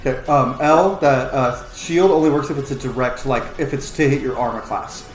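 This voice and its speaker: A man's voice: medium pitch, normal speed. A man narrating a tabletop role-playing game as the game master. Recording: roomy echo, faint music underneath. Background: faint background music.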